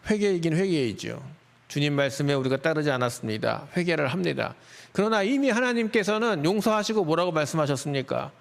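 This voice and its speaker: A male pastor preaching a sermon in a church, expressive and acting out the voices of the people in his story. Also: on the high side, a little fast, vocal fry. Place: church sanctuary.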